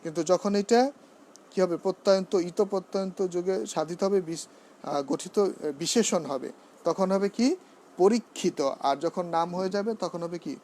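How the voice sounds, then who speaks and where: A man teaching a seminar lecture on pronunciation, who drills words slowly and asks and answers his own questions. He is earnest and grows emphatic when he corrects usage. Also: sits high, darkish tone, a little hiss or hum.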